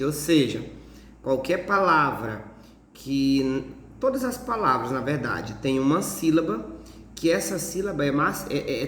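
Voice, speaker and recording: A Brazilian male teacher explains things patiently, circling back with plenty of fillers. His voice sits a little high. The room rings with echo and a long tail, and faint noise hums underneath. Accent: Brazilian Portuguese. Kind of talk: informal classroom lesson. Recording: echoey room with long reverb.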